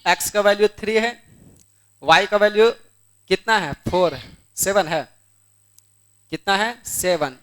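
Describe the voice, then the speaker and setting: A man's voice: high-pitched, unhurried, long pauses, fairly bright tone. A male math teacher giving a board exam lesson, who keeps asking questions and answering them himself, in a coaxing way. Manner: scolds students in the room.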